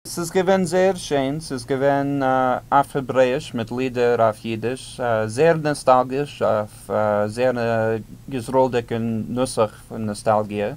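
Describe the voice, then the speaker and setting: A man co-hosting a casual chat, halting and searching for words with many pauses. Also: mid-range voice, darkish tone, smooth. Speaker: podcast co-host.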